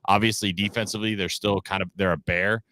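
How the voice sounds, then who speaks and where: Low-voiced man hosting sports talk. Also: quick pace, slight background noise. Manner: relaxed, hesitant with fillers.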